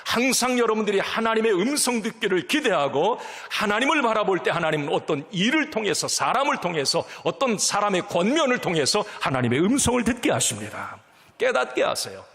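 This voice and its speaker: A man preaching a sermon as pastor, emphatic, swinging from loud calls to near whispers, in a church sanctuary. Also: sits high, sing-song, brisk, husky, long reverb tail.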